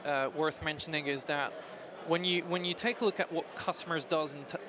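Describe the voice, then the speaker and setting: A man's voice: on the high side, steady tone, fairly quick. A man from France with a French accent, answering as an interview guest in a conversational way. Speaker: interview guest, technical marketing manager. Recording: busy crowd chatter behind.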